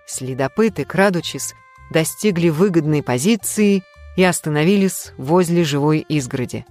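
A narrator giving a measured audiobook reading of a detective story. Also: medium pitch, darkish tone.

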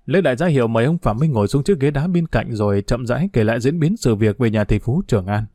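Male narrator for a somber story, mellow, dry close sound. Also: medium pitch, animated, quick pace, dry recording.

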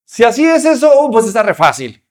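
A man's voice: very high voice, huge pitch swings, a little fast, voice pushed up, heavily acted. A man voicing an eager rich man who boasts gleefully that giving his money away is easy.

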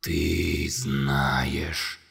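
A man voicing a huge, relentless monster in an audiobook, speaking in a low, slow, menacing whisper. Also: steady tone, vocal fry, fairly bright tone, husky, long reverb tail, exaggerated voice.

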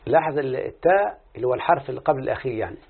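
This man's medium-pitched voice is expressive, creaky, and breathy-edged, and he speaks rapid-fire with an Egyptian accent. A student reciting Arabic morphology in a question-and-answer lesson, he proceeds step by step and checks repeatedly with his teacher, on a tinny phone-like recording.

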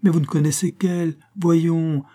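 A man's voice: fairly high pitch, little pitch movement, moderate pace, dark tone, pitched above the performer's own voice, lightly acted. A man voicing a small, sweet-voiced young woman who speaks earnestly and with emphasis in an audiobook. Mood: pleading insistent.

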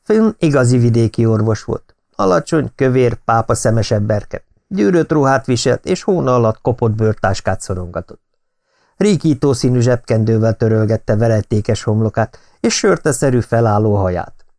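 A man reading an audiobook novel in calm, measured narration. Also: mid-range voice. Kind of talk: scripted narration.

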